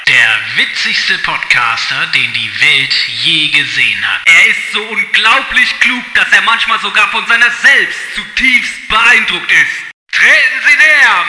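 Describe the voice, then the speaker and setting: A man playing a bombastic circus ringmaster, grandly announcing a star attraction with drawn-out words in an echoey hall. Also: high voice, pushed and bright, full character voice. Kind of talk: theatrical ringmaster introduction. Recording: echoey hall with long reverb.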